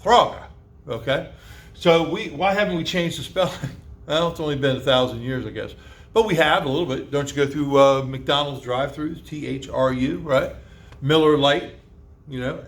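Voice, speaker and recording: A man with a somewhat high voice and some vocal fry lectures a class at a moderate pace. His conversational style is packed with fillers and rhetorical questions, and he spells words out letter by letter and sounds out old pronunciations.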